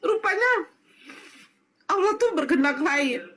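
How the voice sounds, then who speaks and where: A woman's voice: fairly high pitch, expressive, moderate pace, a bit bright, a little hiss or hum. A woman giving an emotional personal testimony, earnest and tearful, with many repetitions. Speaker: convert sharing her story.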